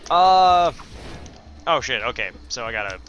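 A man chatting loosely through a video game playthrough, with a very bright, sharp-edged tone and lots of ums and uhs. Faint game music plays behind him. He pokes fun at his own skills as he goes. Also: mid-range voice, animated, normal speed, highs cut off. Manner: rambling, self-deprecating, many fillers. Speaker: let's play host. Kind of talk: casual gameplay commentary.

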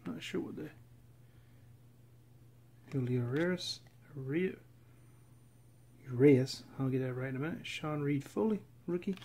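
A man's voice: on the high side, slow, pauses often. Easygoing man listing cards aloud. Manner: relaxed, reads names off cards in a steady list. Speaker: card collector opening packs. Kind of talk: casual running commentary. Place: indoors at a table.

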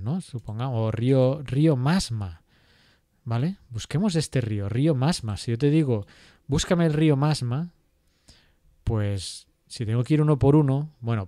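A man from teaching GIS software in a screen-recorded tutorial, thinking aloud with many fillers and checking in with "¿vale?" as he clicks along. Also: medium pitch, clean tone, no room sound, studio quality. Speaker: GIS instructor.

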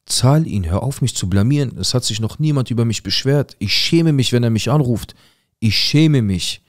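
A man voicing his agitated middle-aged father, loud and shouting as he retells the scene. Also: low voice, steady tone, a little fast, no echo, studio quality, close to an everyday voice. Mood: pleading ashamed. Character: enraged middle-aged father under pressure.

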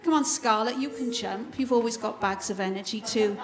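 A woman's voice: fairly high pitch, brisk. A woman leading a church service, encouraging the congregation and praying aloud. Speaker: children's worship leader. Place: church hall.

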